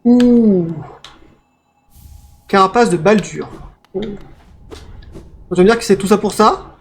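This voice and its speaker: A man giving let's play commentary, excitable, yelping and talking back to the game as he plays. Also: high voice, slow pace, a little hiss or hum. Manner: excitable, yelps and talks to the game. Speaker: gaming streamer.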